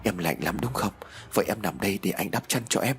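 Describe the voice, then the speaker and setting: A worried young husband comforts his family in a soft, soothing tone, voiced by an audiobook narrator. The man's voice is low and husky. Faint music runs behind. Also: fast talker, heavily acted. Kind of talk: audiobook character voice.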